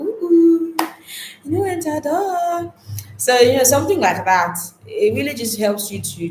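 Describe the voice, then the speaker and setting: A woman's voice: lowish voice, slight background noise. A woman teaching a live online class on goal setting in a casual, chatty way, often restarting and repeating her words. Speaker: online course instructor. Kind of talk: live-streamed lesson, casual. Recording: roomy, faint ambience.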